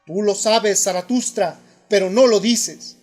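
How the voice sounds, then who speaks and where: A man's voice: sits high, measured pace, darkish tone, faint music behind. A man reading the lines of a stern, voiceless inner voice in a spoken audiobook, grave and urging.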